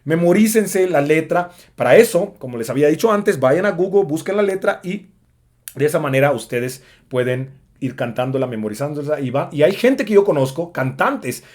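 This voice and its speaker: A man's voice: fairly high pitch, animated, normal speed, darkish tone. A man giving a casual spoken English lesson, chatty with lots of fillers. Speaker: English teacher.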